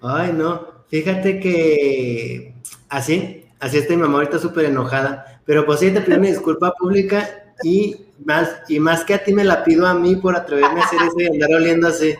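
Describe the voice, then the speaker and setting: A man's voice: a little high, normal speed, reverberant. A man from northern Mexico hosting a casual chat, telling playful anecdotes. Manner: storytelling, playful. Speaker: host.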